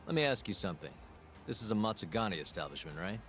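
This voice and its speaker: An actor playing a cocky, laid-back private detective in a video game, talking in a sardonic, unbothered way. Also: male voice, on the low side, big pitch swings, fast, fairly bright tone, soft background music. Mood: dry, unbothered.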